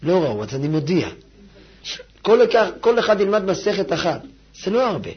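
A man giving a fiery sermon as a rabbi, swinging between hushed pleading and loud exhortation. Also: high-pitched, big pitch swings, slightly rough, muffled recording.

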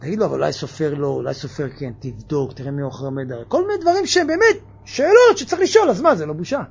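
A man giving a lively religious sermon, firing off mocking rhetorical questions. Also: a little high, gravelly, slightly rough, lo-fi sound. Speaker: preacher.

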